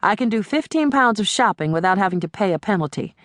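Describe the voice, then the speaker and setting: Woman narrator, wry and sassy, lively pitch swings, dry studio sound. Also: quick pace, dry recording. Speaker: audiobook narrator. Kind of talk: first-person novel narration.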